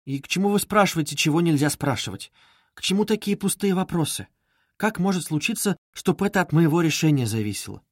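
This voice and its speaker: A man's voice: a little high, expressive, fairly quick, dry recording, voice pushed up. A man voicing a timid, anxious young woman who pleads in a pained tone, read as an audiobook in a dry studio. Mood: anguished. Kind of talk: audiobook reading.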